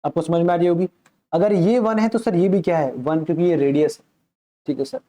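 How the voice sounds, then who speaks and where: Fairly quick and dark-toned, with a voice that sits high, a man walks through a maths lesson. He patiently asks questions and answers them on his own, repeats key points, and addresses listeners politely the whole time.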